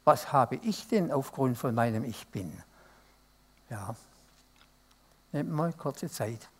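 A man's voice: medium pitch, expressive, slow, slightly rough. A male pastor preaching an interactive sermon and asking the congregation to answer aloud. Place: church service.

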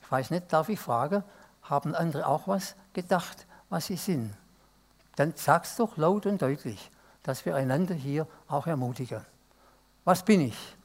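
A man's voice: on the high side, expressive, measured pace. A male pastor preaching an interactive sermon and asking the congregation to answer aloud. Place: church service.

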